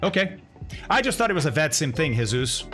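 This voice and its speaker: A man's voice: on the high side, sing-song, a little fast, a bit bright, faint music behind. A man streaming a flight simulator, chatting casually with viewers, thinking aloud and laughing often. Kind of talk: casual live-stream chat.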